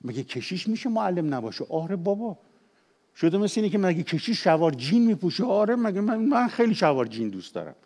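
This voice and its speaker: An older man with a Persian accent, a pastor preaching a sermon, shifting between emphatic raised passages and quiet confessional asides. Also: high-pitched, big pitch swings. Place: church, at the pulpit.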